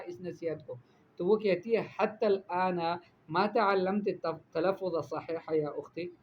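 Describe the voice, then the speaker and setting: Male language teacher, high voice, patient correcting manner, lo-fi recording with faint hiss. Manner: reads Arabic phrases slowly, then translates and corrects them. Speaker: Arabic teacher. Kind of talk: lesson explaining Arabic pronunciation in Urdu. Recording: dull lo-fi audio with faint background noise.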